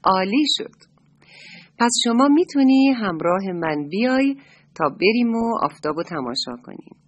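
An eager little creature voiced by a woman asks question after question in a children's storybook. The voice is breathy and very lively. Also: mid-range voice, no echo, muffled recording. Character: small, curious young fish-like creature.

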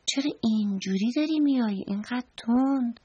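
A woman voicing a sweet, kind little rabbit in a children's story, soft and slightly breathy. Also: a little high, highs cut off, voice pushed up. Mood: gentle. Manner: gentle, polite, pleading.

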